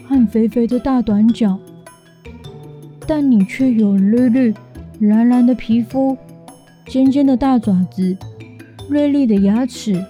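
A woman's voice: fairly high pitch, mellow, close to an everyday voice. A woman voicing a sly, mocking bad crocodile from a children's storybook, drawing out the words in a taunting way. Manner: slow, taunting, drawn-out delivery. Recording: music behind the voice.

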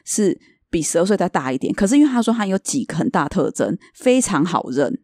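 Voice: medium pitch, very animated, a little fast, darkish tone, no room sound, studio quality. A podcast co-host telling a story in casual chat and acting out the quoted dialogue.

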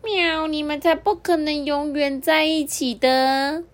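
A woman's voice: sits high, fairly even intonation, pitched above the performer's own voice. A woman voicing a cat in a children's story, drawling and meowing between her words. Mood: teasing. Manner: drawn-out, meowing. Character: sly cat doubting friendship.

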